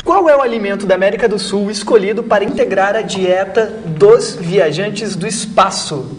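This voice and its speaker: A TV host presenting a school cooking challenge, talking directly to the students in a lively way. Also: medium pitch, moderate pace. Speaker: TV show host.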